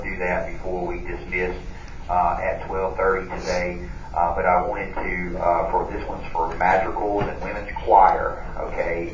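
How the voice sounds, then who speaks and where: A very deep, flat-voiced man speaks through a school intercom, his voice distant and echoing around the classroom. The speaker sounds muffled and dull with a faint hiss underneath. He halts often, filling gaps with hesitations as he goes. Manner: halting, many "uh" fillers and restarts. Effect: school intercom loudspeaker. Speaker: school administrator making announcements. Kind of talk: PA announcements.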